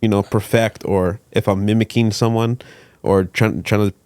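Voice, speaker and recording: A male comedian hosting a podcast, who talks in a halting, casual way and laughs between thoughts. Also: on the low side, fairly even intonation, darkish tone, clear, resonant tone, dry recording.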